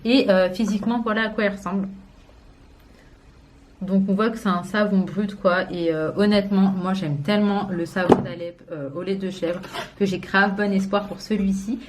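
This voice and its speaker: A woman's voice: mid-range voice, moderate pace, slight background noise. Chatty young woman vlogging at home. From France. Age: 20s. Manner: chatty, relaxed, with frequent hesitations and slang. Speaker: family vlogger. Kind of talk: casual beauty haul chat. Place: home, indoors.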